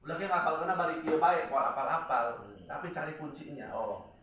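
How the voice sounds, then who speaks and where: A man's voice: fairly high pitch, slight background noise. Man teaching in an echoey classroom. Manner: joking, lively teaching with drawn-out spoken examples. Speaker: teacher at an Islamic boarding school. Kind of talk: classroom English lesson. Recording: echoey room, distant mic.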